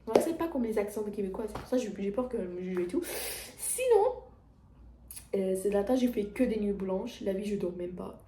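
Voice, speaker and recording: A woman's voice: medium pitch, fast talker, hardly any pauses, mellow, roomy sound, a little hiss or hum. Rambling teen girl with a French accent. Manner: rambling, many restarts and "genre" fillers. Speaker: vlogger. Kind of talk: casual confessional vlog chat. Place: at home, indoors.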